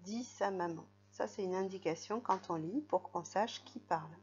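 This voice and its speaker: A woman's voice: on the low side, normal speed, a little mellow. A woman teaching young children to read, patiently guiding them through the text and spelling out letters and syllables. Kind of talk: reading lesson for young children. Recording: dull lo-fi recording.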